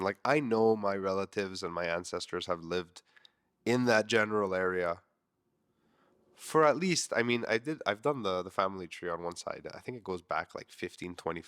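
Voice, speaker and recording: A man's voice: lowish voice, fairly bright tone. A man in his thirties with a congested, nasal voice, hosting his podcast in a candid, rambling monologue that swears freely. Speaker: podcast host. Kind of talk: casual monologue.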